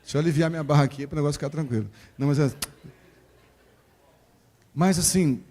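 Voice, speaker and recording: A man with a Brazilian Portuguese accent from Rio de Janeiro preaching a sermon at a church service, animated and acting out quoted voices, joking with the congregation. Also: a little high, fairly quick. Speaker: pastor.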